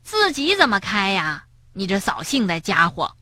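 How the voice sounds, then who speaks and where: A woman's voice: medium pitch, very animated, moderate pace, bright, forceful tone, no echo, studio quality. A woman voicing a cheeky, playful male frog who teases his friend in a children's storybook. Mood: tattling. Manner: teasing, sing-song storybook voice.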